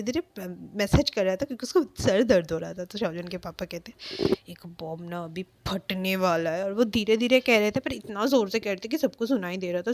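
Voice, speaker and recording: A woman's voice: medium pitch, a little mellow, dry recording. A woman casually retelling a fan-fiction story in a chatty way, with fillers and self-corrections.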